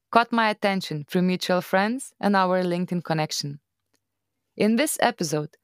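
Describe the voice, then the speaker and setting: A woman hosting a podcast interview, her voice sitting in the middle of the usual range. The sound is dry and close, with no room around it. She opens with scripted, upbeat lines, then moves into a relaxed back-and-forth with her guest. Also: mid-range voice, no echo. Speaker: podcast host.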